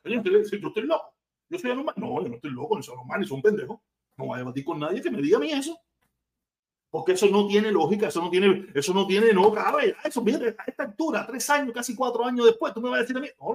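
A man from Cuba with a Cuban accent, ranting bluntly and profanely on a casual live stream. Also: sits high.

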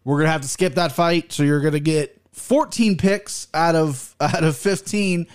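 American male podcast host, slightly high-pitched, mouth barely open as he talks, blunt, rambling, casual. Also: normal speed, clean tone. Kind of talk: casual solo podcast talk.

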